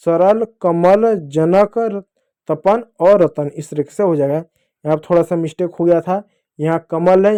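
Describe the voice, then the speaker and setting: A man with a fairly high, mellow voice teaches a children's spelling lesson. He takes his time, working through each letter step by step and repeating himself patiently. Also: smooth.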